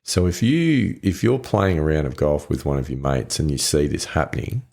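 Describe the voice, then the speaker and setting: A man with an extremely deep voice chats on a podcast. He rambles through examples and asks his co-host leading questions. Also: normal speed, gravelly, a little mellow. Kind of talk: casual podcast conversation.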